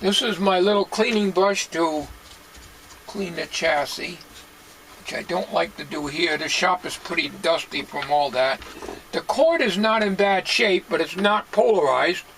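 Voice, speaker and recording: In a cluttered home electronics workshop, a man in his sixties or older who restores radios as a hobby chats casually while working at his bench. His voice sits high and a bit bright, and his plain-spoken, musing talk comes out haltingly. The recording carries plenty of workshop noise.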